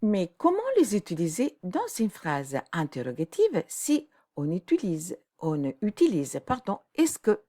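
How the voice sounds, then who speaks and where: A woman's voice: on the low side, sing-song, measured pace, hardly any pauses, dark tone. A woman teaching a grammar lesson, explaining patiently step by step with examples. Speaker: French teacher. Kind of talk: slow, clearly articulated grammar lesson.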